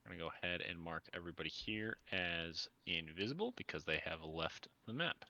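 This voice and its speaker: Bright-voiced game master, lo-fi audio. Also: male voice, low voice, fairly quick, gravelly, no room sound. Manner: relaxed narration with frequent 'um' and 'uh'. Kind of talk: narrating a tabletop game.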